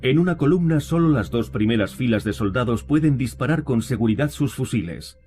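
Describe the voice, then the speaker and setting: A man's voice: mid-range voice, animated, a little fast, darkish tone. A man reading scripted narration for a history documentary. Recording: music behind the voice.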